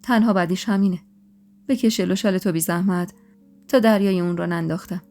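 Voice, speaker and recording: In a storytelling podcast with faint music behind her, a woman plays a playful, jealous young husband, teasing and bantering. Her voice is lowish and steady, with vocal fry and a darkish tone.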